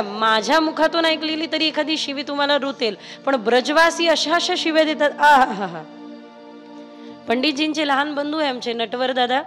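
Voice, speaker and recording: Woman preacher, high voice, acts out characters' lines, soft music behind. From India. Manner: acts out dialogue of Krishna and gopis with shifting voices. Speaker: kathā storyteller. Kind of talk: devotional story sermon.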